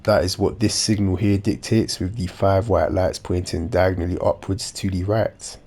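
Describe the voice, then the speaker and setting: A man with a blocked nose giving measured, matter-of-fact game commentary, sounding nasal and a bit dopey. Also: deep voice, level tone, a little mellow. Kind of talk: measured instructional gameplay commentary.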